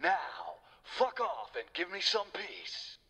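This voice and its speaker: A man voicing a grumpy, rude movie-trailer announcer with a gravelly voice. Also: high voice, wildly swooping pitch, slow pace, pushed and bright, exaggerated voice.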